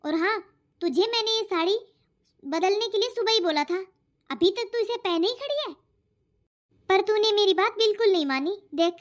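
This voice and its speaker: A harsh, nagging cartoon mother-in-law, voiced by a woman, scolding and taunting in a very high voice. The audio is dull and lo-fi. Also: animated, normal speed, long pauses. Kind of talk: cartoon voice acting.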